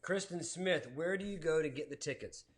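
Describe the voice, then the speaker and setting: A man in his forties co-hosting a casual live-streamed cooking show from his home kitchen, relaxed and chatty, reading out viewer comments. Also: fairly high pitch, normal speed.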